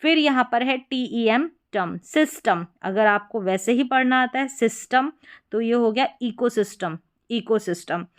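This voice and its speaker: Clear-voiced woman teaching spelling patterns. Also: on the high side, expressive. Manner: slow, patient letter-by-letter spelling out; repeats words and checks in with short affirmations. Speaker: English reading teacher. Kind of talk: explaining spelling patterns step by step.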